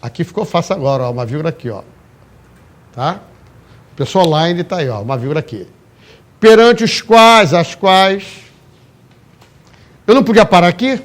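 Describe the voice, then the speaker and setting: A man's voice: sits high, expressive, normal speed, pauses often. A man teaching a live grammar class to a room and an online audience. He is emphatic and works through the rules step by step, often checking that everyone follows. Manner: emphatic, explains step by step with frequent check-in questions. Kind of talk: live exam-prep class lecture. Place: classroom, also streamed online.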